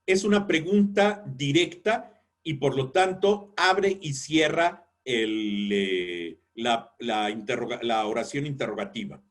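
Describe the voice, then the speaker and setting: A man lecturing in a webinar on editorial writing, explaining clearly and acting out example sentences. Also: medium pitch, expressive, slow pace.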